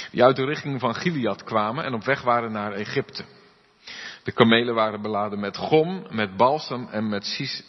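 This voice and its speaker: A man, a pastor, reading Scripture aloud and then preaching, giving the characters' lines an expressive voice. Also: mid-range voice, husky. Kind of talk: Bible reading and sermon. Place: church hall. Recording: dull, reverberant church recording.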